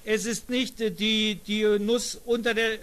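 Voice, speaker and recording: A man interpreting a sermon in a steady, measured translating manner. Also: sits high, heavy background noise.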